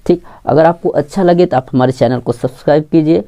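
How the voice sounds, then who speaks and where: A woman teaches an online math lesson in a low, mellow voice. She keeps asking the class questions and answering them herself, repeating key points and checking in with "theek" again and again. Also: a little fast. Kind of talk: online lesson for exam preparation.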